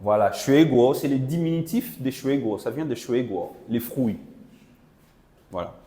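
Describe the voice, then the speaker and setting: A man's voice: medium pitch, animated, unhurried, warm tone. A man interpreting a Chinese lesson into French for a class, explaining patiently and checking that students follow. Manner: explanatory, checks understanding with "non?" and "voilà". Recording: echoey classroom with long reverb.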